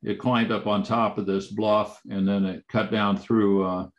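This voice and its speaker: Presenter: man with a lowish voice, unscripted slide lecture, hesitant delivery full of fillers. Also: level tone, dull audio. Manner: halting, many fillers and restarts.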